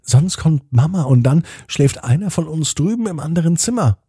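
A man's voice: fairly high pitch, expressive, moderate pace, dark tone, breathy edge, no room sound, clean studio sound, pitched above the performer's own voice, full character voice. A man voicing an earnest young girl in a children's story, who pleads and confides. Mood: confiding. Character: dreamy young girl, older twin sister.

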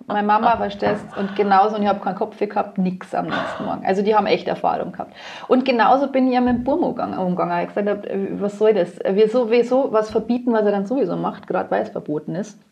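A woman's voice: medium pitch, fast, vocal fry, darkish tone. A middle-aged woman with a Bavarian accent, telling candid stories in a casual podcast chat and acting out the voices of the people she quotes. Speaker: guest.

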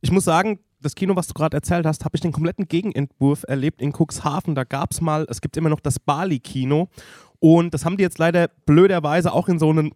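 A man's voice: on the high side, quick pace, a little mellow, no room sound, clean studio sound. A man in casual podcast chat, telling anecdotes with slangy, enthusiastic emphasis.

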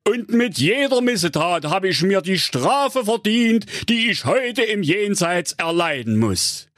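A man's voice: sits high, big pitch swings, unhurried, a bit bright, no echo, clean studio sound, pitched above the performer's own voice, heavily acted. A man voicing a stingy old ghost. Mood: warning. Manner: solemn warning.

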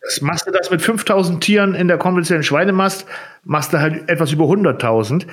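Male podcast co-host from Germany, slightly high voice, explanatory and filler-heavy. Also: quick pace. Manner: explains with figures, many fillers. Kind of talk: casual podcast chat.

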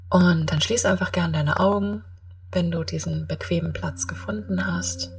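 A woman guiding a meditation in a soft, breathy, half-whispered soothing voice, speaking in slow, spaced-out calm instructions. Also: lowish voice, distant mic. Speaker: podcast host and meditation guide. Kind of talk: guided meditation.

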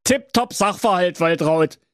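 A man's voice: sits high, sing-song, unhurried, no echo, clean studio sound, voice pushed up. A man voicing a dim-witted, grumpy husband who speaks with a Berlin accent, blustering and indignant. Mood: dopey surprised.

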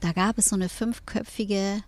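A middle-aged woman from northern Germany, talking as an interview guest in a thoughtful way, pausing often with fillers. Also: mid-range voice, fairly even intonation, darkish tone. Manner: thoughtful, with many hesitations and fillers. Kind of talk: reflective conversation.

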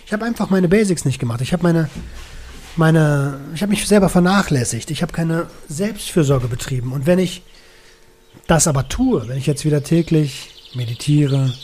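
A man's voice: a little high, lively intonation, moderate pace, a little mellow. A man talking candidly and reflectively in a casual personal vlog, using slangy, informal speech.

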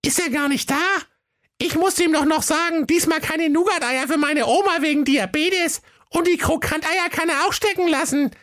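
A man voicing a cheeky, fussy little red-hooded girl in a squeaky falsetto, excitable and chatty, with a northern German accent. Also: normal speed. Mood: puzzled.

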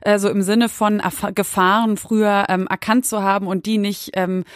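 A woman's voice: medium pitch, level tone, moderate pace, no room sound. Woman co-host, mid voice, dry recording, hesitant musing. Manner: thinking aloud with many hesitations. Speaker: podcast co-host. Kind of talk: casual interview talk.

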